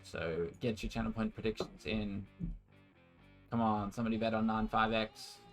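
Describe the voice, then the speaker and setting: A man's voice: lowish voice, steady tone, normal speed, soft background music. An Australian man casting esports and chatting casually with his stream viewers, energetically hyping them up. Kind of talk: casual stream chat and play-by-play commentary.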